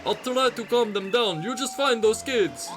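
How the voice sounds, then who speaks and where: Performer putting on a higher voice, fretful dinosaur chief, fussy, pleading, game music behind. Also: normal speed, lightly acted. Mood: worried.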